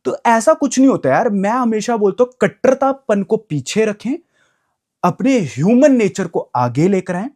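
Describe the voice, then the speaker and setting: A man's voice: high-pitched, expressive, normal speed, a little mellow. A young man giving an emphatic, repetitive opinion rant to camera as a vlogger, mixing in English phrases.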